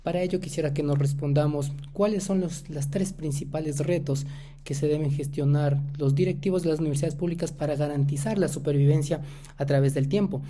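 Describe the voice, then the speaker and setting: Guy giving a talk, super dark mellow voice, slow careful delivery, keeps asking "right?". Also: a little high, fairly even intonation, a little hiss or hum. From Ecuador. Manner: measured, poses rhetorical questions with tag "¿sí?". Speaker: doctoral student presenter. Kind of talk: prepared academic talk.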